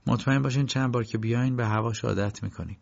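A man reading an audiobook and voicing a flustered, helpful young woman who works as a clerk, talking in a quick, fussing way. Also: medium pitch, steady tone, creaky, lightly acted. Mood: chatty. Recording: dull lo-fi recording.

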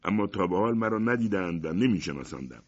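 A lonely, fearful monster, as a male reader puts him on, speaking in a very low voice with humble, anxious politeness. It is a storybook reading on a dull, lo-fi recording. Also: expressive. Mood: pleading.

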